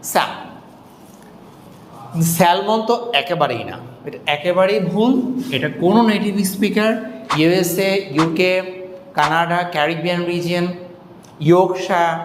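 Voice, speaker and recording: A man teaching English pronunciation in a casual, joking way, slowly repeating words to model how they sound. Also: high voice, roomy sound, long reverb tail, a little hiss or hum. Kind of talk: casual spoken lesson.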